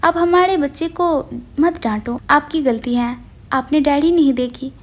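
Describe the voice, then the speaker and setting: A woman voicing a shy, gentle young wife who speaks softly and politely in an audio story. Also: high-pitched, a little slow. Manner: soft and polite.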